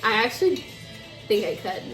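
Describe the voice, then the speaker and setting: A woman's voice: medium pitch, sing-song, normal speed. A woman in her twenties, drunk and giggly, chatting with a friend in a blurting, slightly muddled way with casual swearing. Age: 20s. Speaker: vlogger doing a drinking makeup challenge. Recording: echoey room, music behind.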